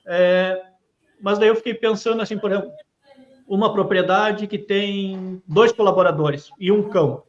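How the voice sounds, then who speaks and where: A man hosting a podcast, asking long questions with many hesitant pauses. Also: sits high, fairly even intonation, highs cut off. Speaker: podcast host. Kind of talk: casual podcast interview.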